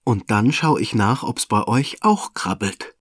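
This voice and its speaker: A man voicing a strict female kindergarten head with a firm, measured delivery. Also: on the low side, animated, no room sound, clean studio sound.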